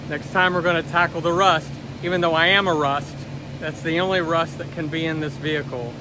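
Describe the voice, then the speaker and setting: A man's voice: a little high, steady tone, brisk, background noise. A middle-aged man narrating a casual truck repair as he works, folksy and joking. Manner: folksy, joking, talks while working. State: out of breath. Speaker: vlog host doing truck repair.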